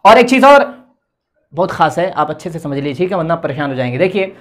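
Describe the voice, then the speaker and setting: A man's voice: a little high, very animated, quick pace. Patient male English teacher, tinged. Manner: repeats "theek hai" often, explains patiently. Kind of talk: classroom lesson at a board.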